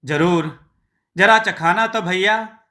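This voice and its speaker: A man voicing a friendly, eager village woman neighbor who talks in a warm, chatty way. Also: high-pitched, slow pace, exaggerated voice.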